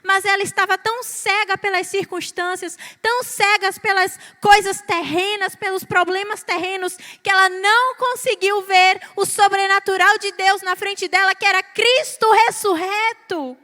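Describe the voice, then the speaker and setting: Brazilian woman delivering an earnest sermon, bright voice. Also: extremely high pitch, steady tone, normal speed, few pauses. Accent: Brazilian Portuguese. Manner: earnest, repeats "sabe, queridos" to the congregation. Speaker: preacher. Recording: hall reverb.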